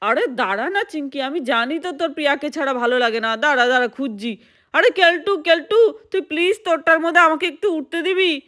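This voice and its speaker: A woman telling a lively doll play story and voicing all the dolls. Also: high voice, a little fast. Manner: lively, plays every doll's voice.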